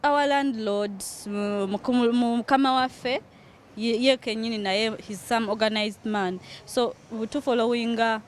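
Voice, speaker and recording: A woman's voice: fairly high pitch, fairly even intonation, measured pace. A woman with a Ugandan accent, a market vendor, explaining her trade in an interview and mixing in English phrases. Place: community market. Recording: clear ambient noise, passing vehicles.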